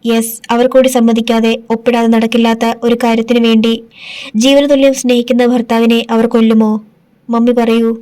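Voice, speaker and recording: A woman voicing a young daughter who speaks quietly but firmly, accusing and defiant. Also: a little high, little pitch movement, normal speed, close to an everyday voice.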